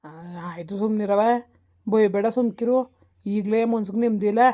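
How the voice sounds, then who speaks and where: A woman's voice: mid-range voice, steady tone, normal speed, mellow, natural voice. A woman playing a grown son who pleads with and defends himself against his mother in a rural comedy skit. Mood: pleading.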